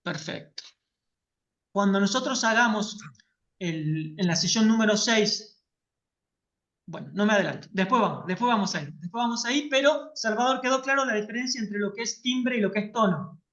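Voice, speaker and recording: A woman's voice: mid-range voice, lively intonation, moderate pace, fairly bright tone. A woman teaching an online class. She explains carefully and keeps checking that her students follow. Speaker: workshop teacher. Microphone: video call. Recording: lo-fi video call audio.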